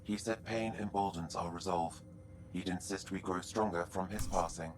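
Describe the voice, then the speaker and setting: A man voicing a calm male AI companion in a video game, speaking in a flat, measured way. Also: sits low, natural voice. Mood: solemn. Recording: game audio with ambient noise.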